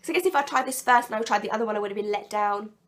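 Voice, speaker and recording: A nail polish vlogger reviews products in a casual video, chatting with enthusiasm and rambling a bit despite a sick, croaky, blocked-up voice. She talks very fast at a medium pitch, and her tone is fairly bright.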